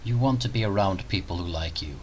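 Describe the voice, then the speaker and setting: A man's voice: low-pitched, brisk, slight background noise, rough recording. A man hosting a reaction commentary video, talking in a sarcastic, mocking way.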